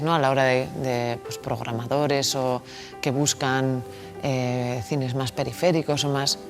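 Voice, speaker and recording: This is a deep-voiced woman film director from the Basque Country in Spain, speaking with a Basque Spanish accent. She answers interview questions thoughtfully and hesitantly, often repeating words while she searches for the right ones.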